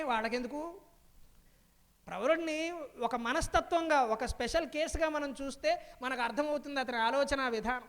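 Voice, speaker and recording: A young male spiritual speaker gives a storytelling discourse from a stage, his very high voice smooth and resonant. He breaks into slow chanted verses and asks the audience question after question. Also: a bit bright. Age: young adult. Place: stage before a live audience.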